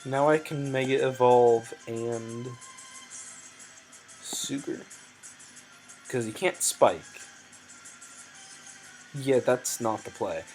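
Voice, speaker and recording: A man's voice: medium pitch, extremely slow, long pauses, darkish tone, soft background music, low-quality recording. Mumbling guy thinking aloud through a match. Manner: mumbled, hesitant, lots of ums and self-corrections. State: voice cracking. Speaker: competitive game player. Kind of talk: thinking-aloud gameplay commentary.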